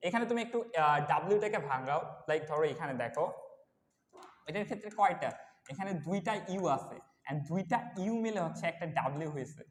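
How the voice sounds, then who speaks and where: A young man, teaching an English lesson to kids. He explains slowly and repeats the letters one by one. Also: on the high side, lively intonation. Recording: echoey room with long reverb.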